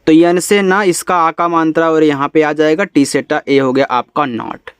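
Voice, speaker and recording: Man, teacher, spells words letter by letter, higher-pitched, dry recording. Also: fairly even intonation, clear, resonant tone, no room sound. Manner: spells out letters slowly, then explains in Hindi. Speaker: English teacher. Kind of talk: spelling lesson.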